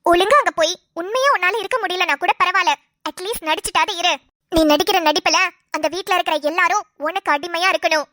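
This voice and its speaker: A sly young woman who bosses her friend along, voiced by a woman in a cartoon. Her voice sits lower than the other figures, with a bright, pointed edge and a dry, close sound. She talks firmly and coaxingly. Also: quick pace, dry recording. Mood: scheming. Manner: low, firm, coaxing. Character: sly scheming young woman, bossy confidante. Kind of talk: cartoon voice acting.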